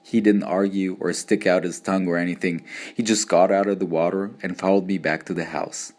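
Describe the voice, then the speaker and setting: A man narrating an audiobook in a steady, measured storytelling manner. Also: sits low.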